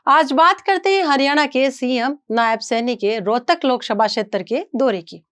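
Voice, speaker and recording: Female news presenter, scripted narration, slightly high pitch, measured delivery. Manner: measured, even reading.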